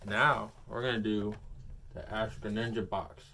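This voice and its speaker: A man's voice: lowish voice, steady tone, measured pace, creaky, pushed and bright, slight background noise. A man chatting casually to his vlog audience, groggy after dental surgery, his words muffled by a numb, packed mouth. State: groggy after wisdom teeth removal. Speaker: card-collecting video host.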